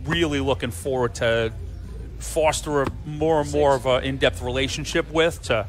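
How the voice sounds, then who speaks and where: A man's voice: medium pitch, steady tone, normal speed, faint music behind. A man giving live sports commentary on a darts match.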